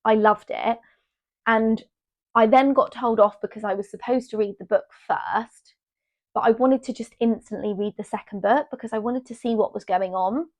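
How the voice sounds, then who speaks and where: A woman's voice: fairly high pitch, moderate pace. A young woman chatting casually to her camera as a vlogger, rambling and restarting her sentences. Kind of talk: casual chat. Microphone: small mic on her.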